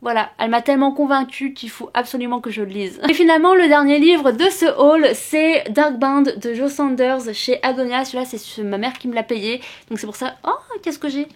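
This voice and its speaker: High-pitched french girl gushing over her new books, lots of ohs and fillers. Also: a little fast, hardly any pauses. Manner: gushing, exclaims often, many fillers and restarts. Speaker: booktuber vlogging a book haul. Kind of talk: casual chat.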